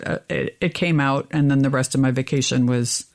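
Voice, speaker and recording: Woman, podcast co-host, casual and animated storyteller. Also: a little fast. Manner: animated storyteller, rises in pitch when exasperated. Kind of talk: casual chat.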